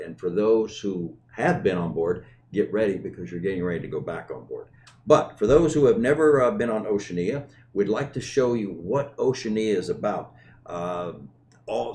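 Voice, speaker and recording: A man's voice: on the low side, a little mellow. A middle-aged man hosting a show in a conversational, unscripted way, repeating words and phrases for emphasis. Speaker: host of a company community show.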